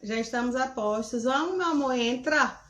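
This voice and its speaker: Chatty Brazilian woman, high voice. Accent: Brazilian Portuguese. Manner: chatty, talks fast and loudly. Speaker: host. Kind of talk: casual livestream chat. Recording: echoey room.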